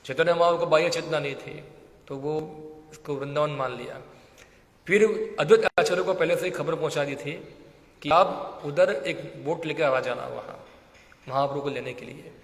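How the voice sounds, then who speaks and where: Lively storytelling preacher in a hall. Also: male voice, on the high side, moderate pace. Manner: lively storyteller, acts out quoted voices, laughs often. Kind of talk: storytelling sermon. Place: temple hall. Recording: echoey hall with long reverb.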